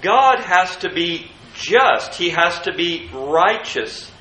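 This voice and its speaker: A man preaching a sermon in an earnest, emphatic way, slowing down to stress key words. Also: high voice, very animated, bright, forceful tone, reverberant, low-quality recording.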